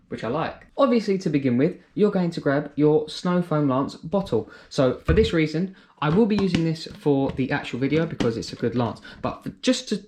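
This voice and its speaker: A man's voice: a little high, a little mellow, slight background noise. A man giving a casual product review, chatty and thinking aloud as he explains. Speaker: car care reviewer.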